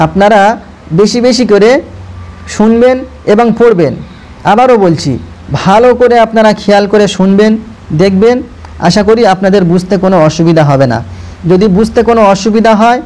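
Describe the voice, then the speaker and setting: This is a slow recitation lesson in which a Quran teacher, a man with a high and somewhat mellow voice, goes through the letters one step at a time. Patiently, he says each letter again and again with drawn-out vowels, telling his viewers to pay careful attention.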